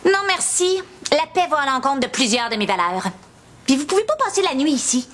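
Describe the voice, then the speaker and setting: An actress playing a sardonic, bossy restaurant employee in a TV sitcom, with a blunt, sarcastic delivery. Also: female voice, high-pitched, big pitch swings, a little fast, a bit bright, slight background noise. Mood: dismissive. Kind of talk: TV sitcom acting.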